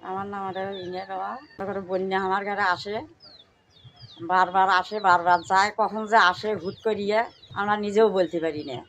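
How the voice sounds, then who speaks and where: A woman's voice: mid-range voice, a bit bright, a little hiss or hum. Old village woman, rural northern Bangladeshi accent. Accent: rural northern Bangladeshi (Gaibandha). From Gaibandha district, northern Bangladesh. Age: older. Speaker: villager interviewed about floods. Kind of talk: unscripted personal testimony.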